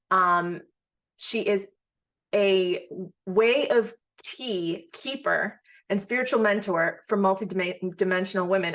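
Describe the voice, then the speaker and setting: A woman's voice: on the low side, fairly bright tone. A woman hosting a podcast, bubbly and enthusiastic, chatting casually with her guest. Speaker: podcast host. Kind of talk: casual interview conversation.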